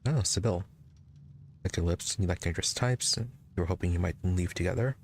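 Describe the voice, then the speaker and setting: A man's voice: deep voice, brisk, a little hiss or hum. A man giving casual commentary as he plays through a video game. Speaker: gamer, let's play commentator.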